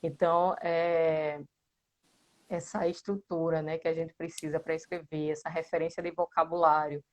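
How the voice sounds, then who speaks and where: With a low voice and flat delivery at normal speed, a woman answers an interview in Brazilian Portuguese about her writing group. She explains things casually and keeps checking in with short tag questions.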